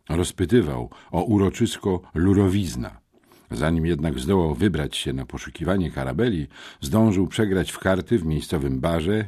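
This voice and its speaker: An older man with a husky voice narrating an audiobook in an animated storytelling manner. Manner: animated storytelling, lively shifts in pitch. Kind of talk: scripted narration.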